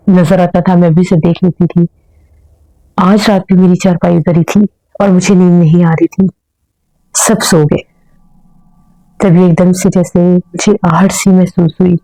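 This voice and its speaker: A woman's voice: on the low side, dark tone, dry recording, rough recording. A woman telling a first-person horror story in an earnest storytelling manner.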